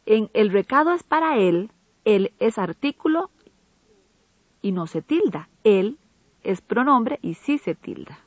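A woman co-hosting an educational radio program, reading a Spanish grammar lesson in a measured, didactic way. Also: medium pitch, sing-song, slightly rough, no echo. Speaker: co-host of a language program. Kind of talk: scripted educational radio narration. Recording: dull lo-fi broadcast audio.

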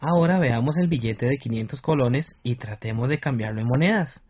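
A man's voice: mid-range voice, brisk, slightly rough, muffled recording, soft background music. A man with a Costa Rican accent presenting a scripted radio lesson as a teacher.

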